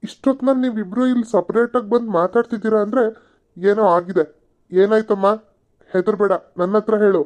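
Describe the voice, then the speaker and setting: A woman voicing a bossy male police officer in an amateur cartoon serial, gruff and questioning. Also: mid-range voice, steady tone, a little fast, a little mellow, close to an everyday voice. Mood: probing.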